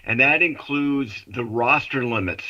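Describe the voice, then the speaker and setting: A man's voice: medium pitch, unhurried, sharp tone. A man giving sports commentary in a chatty, explanatory way on a radio talk show, his voice muffled as if it comes through a wall. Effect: muffled, as if heard through a wall. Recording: muffled remote line.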